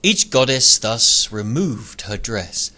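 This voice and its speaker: A man narrating a rhyming storybook retelling in a measured, expressive way. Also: medium pitch. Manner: measured, expressive verse reading.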